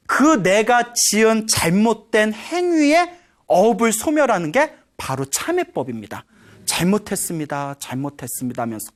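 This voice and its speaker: A woman Buddhist teacher giving a humorous sermon, telling a story and often prompting her audience. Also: mid-range voice. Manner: lively, keeps prompting the audience, chuckles.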